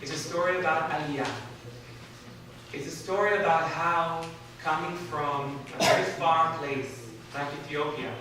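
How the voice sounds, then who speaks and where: A man's voice: on the high side, a little slow, a crowd in the background. A man hosting an evening event, earnestly introducing the next speaker with slight hesitations. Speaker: event host. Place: large hall. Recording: very echoey hall from far off.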